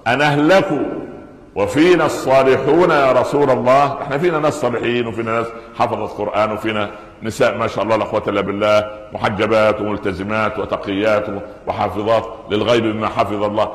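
A man's voice: fairly low pitch, fairly even intonation, fast. A man with an Egyptian accent giving a Friday sermon lesson, asking the audience rhetorical questions and shifting between classical and colloquial Arabic. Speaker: preacher. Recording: echoey hall with long reverb.

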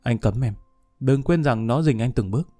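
A man voicing a jealous, violent young thug in a spoken story, harsh and shouting. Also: mid-range voice, normal speed, dry recording, clean studio sound, faint music behind, lightly acted. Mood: anxious.

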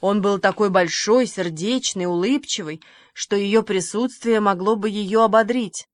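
A woman reads a novel aloud in a measured, even storytelling manner. Her voice sits at a middling pitch. The close mic gives a dry sound. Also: no room sound. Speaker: audiobook narrator. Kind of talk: scripted narration.

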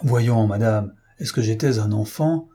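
Male reader doing a jealous young nobleman, passionate and bitter, dark husky tone. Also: fairly low pitch, measured pace. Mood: anguished.

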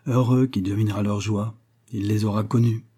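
A male narrator reads a classic novel aloud in a measured, storytelling manner. His voice is low and mellow. A husky grain runs through it. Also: steady tone. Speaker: audiobook narrator. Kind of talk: literary audiobook narration.

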